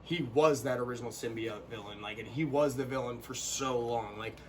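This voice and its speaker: A young man co-hosting a casual chat, animated and quick to burst into quoted lines. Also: mid-range voice, slight background noise. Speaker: co-host.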